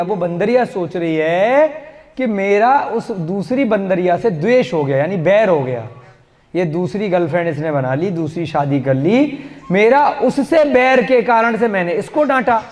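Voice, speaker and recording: A man's voice: high-pitched, darkish tone. A man teaching a scripture class, retelling a story with playful asides and modern comparisons. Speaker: religious teacher. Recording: long hall reverb.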